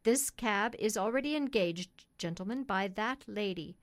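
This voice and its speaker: A woman's voice: mid-range voice, animated, measured pace, no echo, natural voice. A woman voicing a kindly, firm male London cab driver in an audiobook story, hearty and plain-spoken. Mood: stern, droll.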